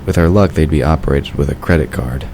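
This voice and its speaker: In an extremely low, mellow voice, a man narrates a fantasy audio drama at a quick pace. The storytelling is scripted, and background noise is clearly audible.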